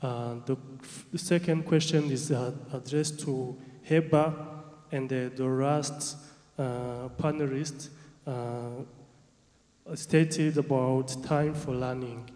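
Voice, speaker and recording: A man's voice: mid-range voice, fairly even intonation, takes it slowly, mellow. A young man from Burundi asking a formal question as a student, hesitant and searching for words. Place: large conference hall. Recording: very echoey hall, long reverb.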